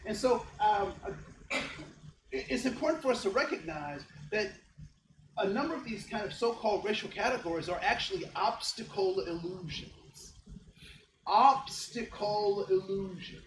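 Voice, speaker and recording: A man's voice: sits high, animated, measured pace, a bit bright. A man in his fifties from Ohio, giving an interactive, joking workshop talk to a live audience and often checking in with them. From Ohio, United States. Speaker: diversity trainer. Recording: echoey room, faint background hum.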